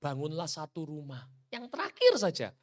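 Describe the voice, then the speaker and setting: A male preacher voicing a kindly company boss in a sermon story, speaking softly and calmly. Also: a little high, moderate pace, voice pushed up. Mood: gentle.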